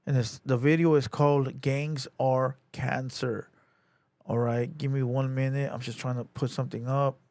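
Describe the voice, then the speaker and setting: A man's voice: mid-range voice, level tone, moderate pace, darkish tone, no echo. Casual male streamer, easygoing slang, dead-dry close sound. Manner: laid-back slang, lots of "you know" and "bro". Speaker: livestream host. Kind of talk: casual livestream commentary.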